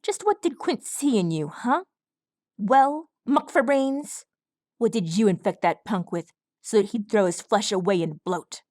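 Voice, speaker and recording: A woman's voice: mid-range voice, moderate pace, a little mellow, no room sound, close to an everyday voice. A bearded bully of a stallion sneers and taunts his way through every line, as a woman reader puts him on. The storybook voice is mean and mocking, recorded close and dry with no room around it. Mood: sneering menace.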